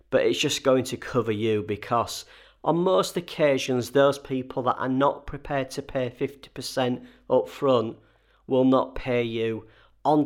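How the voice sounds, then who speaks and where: A man with a slightly wheezy, chesty voice, getting over a cold, hosting a conversational solo advice episode with emphatic key points. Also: mid-range voice. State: recovering from a cold and chest infection. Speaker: host advising freelancers.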